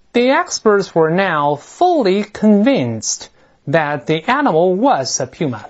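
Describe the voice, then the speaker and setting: A teacher explains grammar in a lively, swooping voice, slowing down to stretch out words as examples. The sound is dull and lo-fi, without crisp highs. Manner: animated, explanatory, drawing out words to model pronunciation. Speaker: English teacher. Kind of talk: recorded grammar lecture. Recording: dull lo-fi recording.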